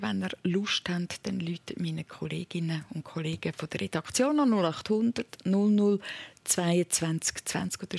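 A Swiss German woman hosts a late-night call-in radio show. She speaks at a middle pitch with a gravelly, slightly husky voice, asking probing questions in a relaxed conversational tone. Her voice comes across close and dry on a studio microphone. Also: no echo. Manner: conversational, probing, gently prompting.

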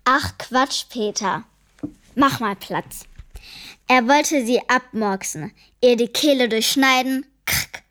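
A woman plays a sharp, rebellious ten-year-old girl telling the story of a German children's radio play, wry and dry and full of big words for her age. She speaks slowly, her pitch a little high and her tone fairly bright.

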